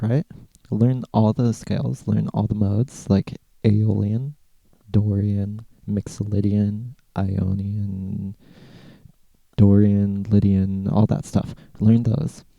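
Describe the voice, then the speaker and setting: A man's voice: on the low side, little pitch movement, slow, creaky, dark tone, dry recording. An American man from California, hosting a podcast and casually answering listener questions in a laid-back, rambling way. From California, USA. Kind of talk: casual Q&A chat.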